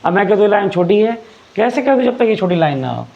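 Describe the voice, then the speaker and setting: High gravelly male teacher, lo-fi. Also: sing-song, fast talker, a little mellow. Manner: explains patiently, repeats phrases and asks rhetorical questions. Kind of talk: classroom lesson on grammar. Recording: dull lo-fi recording.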